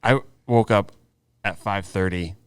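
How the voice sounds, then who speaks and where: A laid-back man co-hosting a casual podcast, trading jokes in a relaxed way. His voice is smooth and resonant, a bit low, recorded dry and close. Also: unhurried, no echo. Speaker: podcast co-host. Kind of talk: casual chat.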